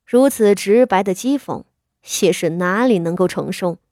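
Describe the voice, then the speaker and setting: A woman with a gentle, sweet voice narrating an audiobook in a measured storytelling manner. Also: mid-range voice, dry recording, studio quality.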